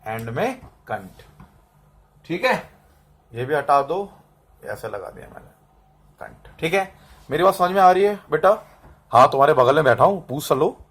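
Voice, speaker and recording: A man with a fairly high voice leads a classroom-style lesson. He drills students through lists of terms and syllables, repeats them slowly, and keeps checking that they follow. He records it himself on a camera that he sets up and adjusts. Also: expressive, fairly bright tone, husky. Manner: drills terms and asks "समझ में आ रहा है?" to check understanding. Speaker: Hindi teacher. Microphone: camera mic, set up and adjusted by himself.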